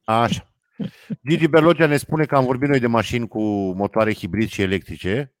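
A man's voice: mid-range voice, dry recording. A man hosting a podcast, reading listener comments aloud in casual chat with dry jokes.

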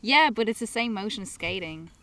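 A woman's voice: mid-range voice, lively intonation, brisk, pushed and bright. Woman, casual outdoor chat, laughs a lot, faint outdoor noise behind. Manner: laughing, banter-filled. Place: outdoors, walking.

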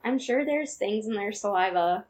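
A woman's voice: mid-range voice, animated, normal speed, a little mellow, slight background noise. A young woman co-hosting a casual podcast, earnestly explaining animal facts with small laughs. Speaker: podcast co-host.

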